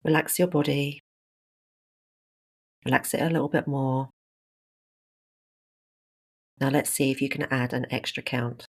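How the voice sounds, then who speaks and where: An instructor leading a guided breathing meditation, speaking calmly in short, unhurried phrases. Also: medium pitch.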